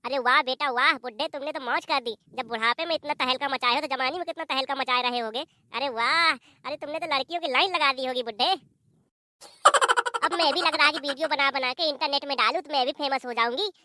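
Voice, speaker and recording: A sharp-tongued young daughter-in-law glued to her phone, in a village cartoon, voiced by a woman. She sounds sassy and defiant in a high, bright voice, recorded close and dry. She speaks with a Bundelkhandi Hindi accent. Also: fairly quick, no echo. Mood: amused.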